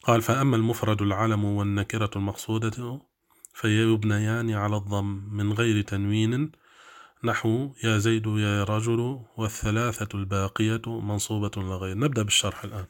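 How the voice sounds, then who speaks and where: A man teaching Arabic grammar in a classroom lesson, explaining step by step with drawn-out fillers and frequent checks that listeners follow. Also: on the low side, little pitch movement.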